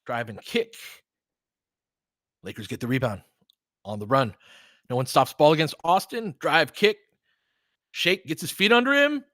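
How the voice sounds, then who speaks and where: A man with a fairly high, slightly bright voice calls live basketball play-by-play in short, clipped phrases, tossing in casual fan-style asides. He's expressive but unhurried and pauses often. The studio sound is clean, with no echo.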